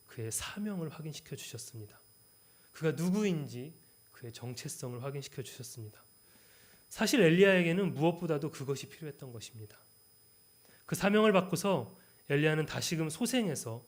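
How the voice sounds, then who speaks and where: A young man preaching a midweek church sermon, swinging between loud, emphatic lines and soft, tender passages. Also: mid-range voice.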